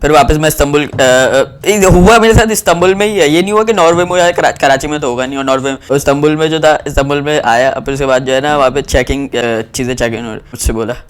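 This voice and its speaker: A young man from Pakistan, telling a travel story to camera in a rambling, animated way with lots of fillers. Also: a little high, fast talker, few pauses, clean tone.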